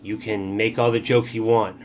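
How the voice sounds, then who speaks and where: A man's voice: on the low side, little pitch movement, normal speed, close to an everyday voice. A man voicing a tiny, testy pixie-like male creature in a taunting, indignant little voice for a tabletop game. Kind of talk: in-character tabletop role-play.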